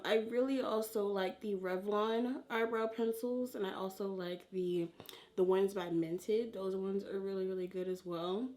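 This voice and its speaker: A woman's voice: medium pitch, a little mellow. A woman chatting informally and slangily to her viewers as she applies her makeup, in the style of a beauty vlog tutorial. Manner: informal and slangy, talking to viewers like friends while applying makeup. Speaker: beauty vlogger.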